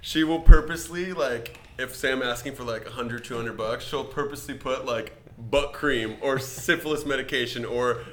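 Here the same kind of podcast co-host, a young man, tells a story casually, restarting often and tripping over words as he rambles. He has a mid-range, slightly bright voice and keeps a moderate pace with few pauses, recorded in an echoey room with faint noise.

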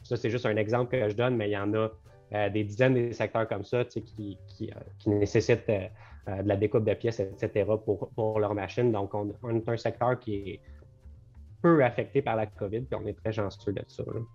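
Over faint music and slightly dull lo-fi audio, a young business co-owner with a Quebec French accent chats at length on a casual podcast, mixing in English words. His voice is lowish and darkish, delivered flatly and fairly quickly.

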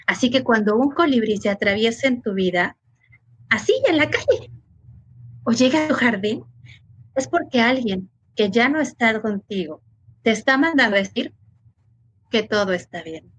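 Woman storyteller, husky higher voice, slow gentle telling, dry sound. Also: expressive, dry recording, low-quality recording. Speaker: storyteller guest. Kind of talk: telling a legend in a talk show.

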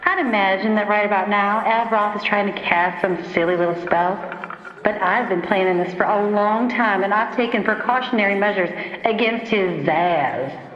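A woman playing a gloating female villain in an audio comedy drama, monologuing in a slow, theatrical, menacing manner. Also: medium pitch, roomy sound, in a large hall, muffled recording, lightly acted. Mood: smug menace. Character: gloating theatrical female villain, scheming gourmet of rare creatures.

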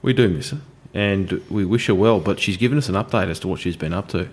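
A man's voice: low-pitched, fast, breathy edge. A man with an Australian accent hosting a casual podcast, bantering and rambling in a jokey way. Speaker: podcast host. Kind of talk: casual chat.

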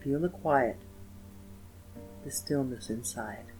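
A man narrating a scripted guided meditation in a slow, gentle, soothing manner with pauses. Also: mid-range voice, rough recording. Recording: voice over meditation music. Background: soft instrumental music with guitar.

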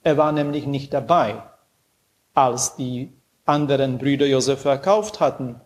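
A man reading a scripture passage and commenting on it in a measured, earnest way, with dramatic pauses. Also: mid-range voice.

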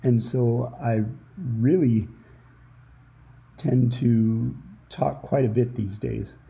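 Male solo podcast host, very soft-edged dark tone, informal and reflective, improvised towel-over-head office recording. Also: mid-range voice, extremely slow, creaky. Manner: reflective, informal, thinking aloud. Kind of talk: free-flowing motivational solo podcast talk. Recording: improvised, under a towel at the computer.

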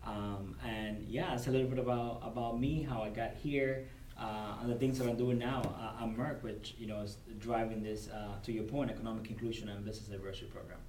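Recorded on a distant mic in a roomy convention venue with faint noise, a Cuban man appears as a podcast guest; he works as a corporate supplier diversity director. His voice is lowish, steady and a little mellow, moving a little fast, and his Cuban Spanish accent reflects Spanish as his first language. He speaks earnestly, frequently repeating words as he collects his thoughts.

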